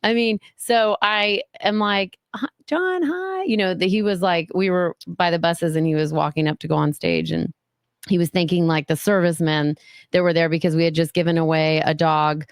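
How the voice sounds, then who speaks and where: A woman's voice: lowish voice, normal speed, clear, resonant tone, dry recording, clean studio sound. A woman in her thirties or forties co-hosting a podcast, telling a story in casual chat and acting out what people said. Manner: animated storyteller acting out quotes. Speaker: podcast co-host.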